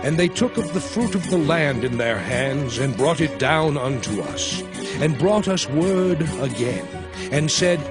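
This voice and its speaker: Here a man on the higher side of the male range gives Moses, the aged and solemn prophet and leader, a lively intonation while recounting scripture slowly, solemnly, and dramatically. His studio voice sits over background music.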